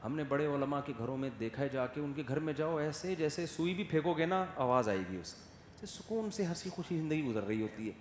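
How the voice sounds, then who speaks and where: A man giving a sermon, lively, firing rhetorical questions at his listeners and acting out soft and loud voices. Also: fairly high pitch, slight background noise. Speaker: religious scholar giving a sermon. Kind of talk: Urdu sermon. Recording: echoey hall with faint ambience.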